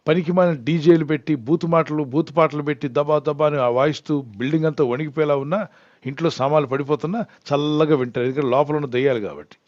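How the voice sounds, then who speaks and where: Earnest pastor teaching through questions. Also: male voice, fairly high pitch, steady tone, fast talker, darkish tone, no room sound, muffled recording. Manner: earnest, asks the listener questions and answers them himself. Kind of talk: Bible Q&A teaching.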